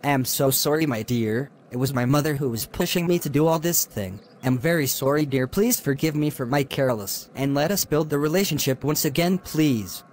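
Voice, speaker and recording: Brief: a man playing a domineering young husband, higher voice, scornful and insulting. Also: normal speed, hardly any pauses, a little hiss or hum, close to an everyday voice. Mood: apologetic. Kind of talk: animated drama voice acting.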